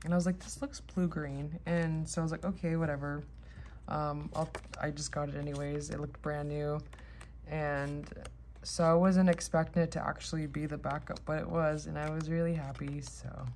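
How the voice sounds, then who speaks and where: A woman's voice: low voice, flat delivery, normal speed, darkish tone, slight background noise. A woman chatting casually about her collection in a sleepy, rambling way, letting her thoughts trail off. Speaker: host of a tarot deck haul vlog.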